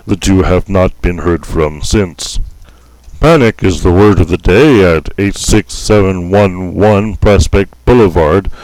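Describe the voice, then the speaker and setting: A man acting as anchor of a parody newscast, with a deadpan delivery. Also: low voice, dry recording, poor audio. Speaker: mock news anchor.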